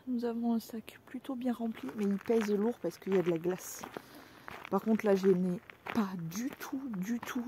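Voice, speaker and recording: Outdoors in a chilly yard with her animals, this woman talks easily to her vlog audience, occasionally turning to coo at the creatures in a high baby-talk voice. The sound carries a dark tone and a faint hiss or hum.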